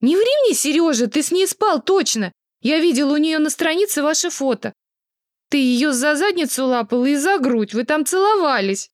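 A woman reader voicing a tipsy, dramatic young woman who is quick to take offence. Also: a little high, animated, no room sound, clean studio sound, pitched above the performer's own voice, lightly acted. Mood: outraged.

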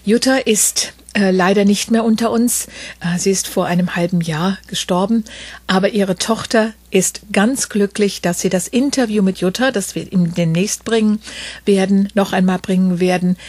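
A woman's voice: mid-range voice, fairly even intonation, moderate pace, a little mellow, slightly rough, no room sound. A woman hosting a podcast, reading a story aloud and then interviewing a guest with eager questions and many fillers. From Berlin.

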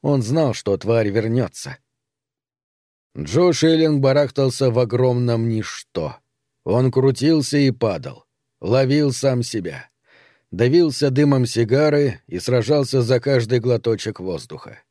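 A man reading an audiobook in a measured storytelling manner. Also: mid-range voice, lively intonation, warm tone, dry recording, studio quality. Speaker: narrator. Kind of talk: audiobook narration.

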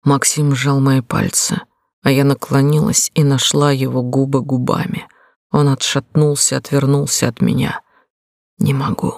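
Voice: mid-range voice, little pitch movement, moderate pace, creaky, no echo, studio quality. A narrator reading a first-person romance audiobook in an emotional, intimate way.

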